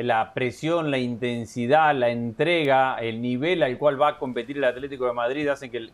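A man giving conversational football analysis as a studio pundit. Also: medium pitch.

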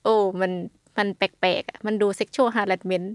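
A woman's voice: mid-range voice, fairly even intonation, takes it slowly, smooth, no echo, studio quality. A young adult woman co-hosting a podcast, chatting casually and calling herself by her nickname. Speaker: podcast co-host. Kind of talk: casual chat.

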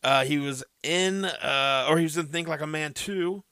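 A man's voice: on the high side, moderate pace, vocal fry, bright, forceful tone, dry recording, studio quality. A man co-hosting a casual movie podcast, rambling through cast lists with many fillers. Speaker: podcast co-host. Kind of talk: casual movie-review chat.

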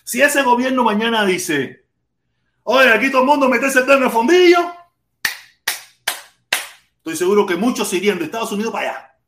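A Cuban man hosting a casual live stream, talking in an animated, rambling way with lots of repetition and the odd shout. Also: very high voice, a little fast, pauses often. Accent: Cuban Spanish. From Cuba. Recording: echoey room with faint noise.

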